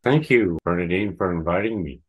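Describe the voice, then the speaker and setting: A man telling a story as a radio guest, in a casual and halting way. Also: sits low, expressive, breathy edge, poor audio. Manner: halting, hesitant phrasing.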